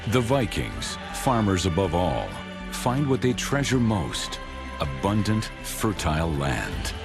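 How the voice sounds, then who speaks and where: A man giving scripted documentary narration in a deliberate, expressive storytelling delivery over background music. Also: low voice, gravelly.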